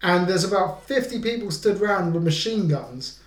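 A man's voice: high-pitched, lively intonation, normal speed, recorded from a distance, a crowd in the background. A man co-hosting a casual film podcast, making dry, sarcastic, sweary jokes. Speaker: podcast co-host. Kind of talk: casual film review chat. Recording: roomy echo.

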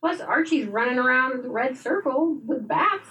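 High, lively woman rambling playfully. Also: moderate pace, recorded from a distance, lo-fi sound. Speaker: podcast co-host. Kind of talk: casual chat recapping a TV show.

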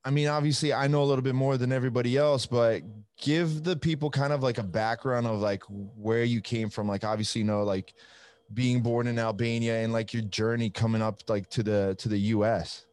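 A man's voice: mid-range voice, steady tone, brisk, darkish tone, no echo. A young man with an Italian accent hosting a podcast, talking in a rambling, upbeat way full of fillers. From Italy. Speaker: podcast host. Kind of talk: casual interview chat.

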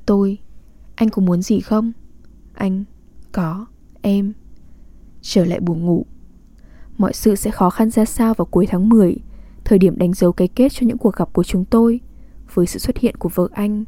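A woman reading a literary diary aloud in a calm, measured, intimate way. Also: mid-range voice, dry recording. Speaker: reader.

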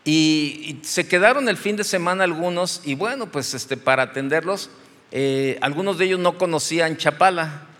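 A man with a Mexican accent, a pastor preaching a sermon in a relaxed, joking, storytelling way. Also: a little high, normal speed, big-room sound. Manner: conversational, joking storytelling from the pulpit.

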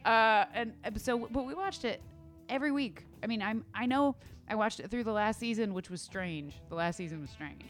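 A woman's voice: a little high, normal speed, faint music behind. A woman co-hosting, telling stories in a casual chat with frequent laughter. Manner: animated, laughing storyteller. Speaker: co-host.

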